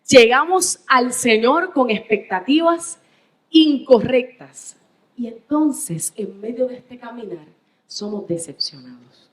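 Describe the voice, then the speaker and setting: A woman preacher with a Puerto Rican accent delivering a sermon as dramatic storytelling, swinging between hushed tones and drawn-out, emphatic stresses. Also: fairly high pitch, lively intonation, poor audio. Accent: Puerto Rican Spanish.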